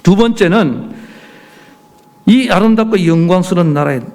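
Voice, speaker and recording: High lively pastor guy preaching, swoops all over, gravelly edge, keeps asking the crowd questions. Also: moderate pace. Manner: emphatic, rhetorical questions to the congregation. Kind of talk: sermon.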